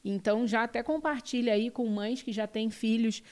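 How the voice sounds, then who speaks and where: A woman's voice: a little high, normal speed, a little mellow. Brazilian woman hosting an interview. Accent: Brazilian Portuguese. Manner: engaged, affirming interviewer. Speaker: podcast host.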